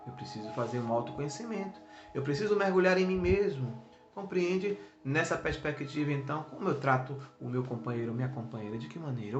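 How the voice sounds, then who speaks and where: Earnest male spiritist lecturer, echoey. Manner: earnest, acts out short dialogues with shifts of pitch and loudness.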